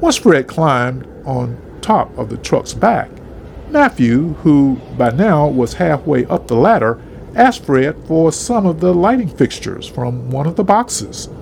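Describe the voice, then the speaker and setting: A man reading a story aloud in an expressive, dramatic narration style. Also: fairly high pitch, slow, vocal fry, slight background noise.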